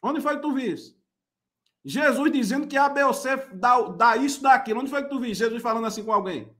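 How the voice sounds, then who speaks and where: High-voiced man mocking a preacher. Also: fairly quick, sharp tone. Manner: mocking, incredulous, repeats phrases. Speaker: reaction commentator. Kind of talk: live reaction commentary.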